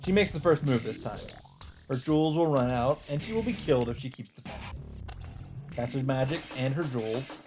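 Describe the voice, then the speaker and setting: With game music in the background, a let's player narrates a visual novel aloud in scripted storytelling fashion. He has a medium pitch, lively intonation and a slightly quick pace.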